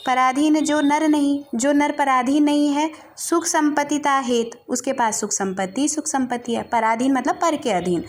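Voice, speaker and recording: A woman teaching a Hindi literature lesson, explaining verse lines and reciting them slowly. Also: a little high. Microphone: phone recording.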